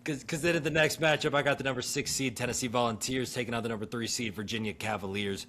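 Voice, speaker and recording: Bright-voiced young man talking sports. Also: mid-range voice, steady tone, fast. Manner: upbeat, laughs often, rattles off stats. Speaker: podcast co-host. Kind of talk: casual sports podcast chat.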